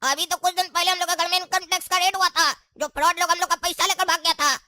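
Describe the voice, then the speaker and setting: Woman doing a sassy whiny kid, super high and bright. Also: fairly even intonation, quick pace, dry recording, clean studio sound. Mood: nosy. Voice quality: whiny, cheeky back-talk. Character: cheeky lazy grown child of the house. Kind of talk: comedy skit acting.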